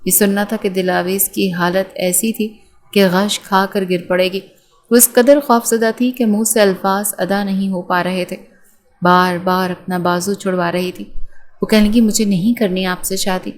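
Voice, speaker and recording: A woman reading a romance novel aloud as an audiobook narrator, in a steady storytelling manner. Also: medium pitch.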